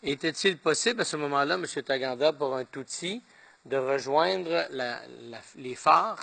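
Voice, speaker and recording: A man questioning a witness in court, measured and formal. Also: fairly high pitch, vocal fry, bright, forceful tone. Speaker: lawyer questioning.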